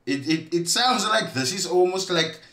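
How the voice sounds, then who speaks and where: A man's voice: sits high, expressive, sharp tone. Echoey man, pointed commentary. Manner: pointed, addressing viewers directly, emphatic pauses. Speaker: commentator exposing online schemes. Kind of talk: reaction video commentary. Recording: roomy, echoey sound.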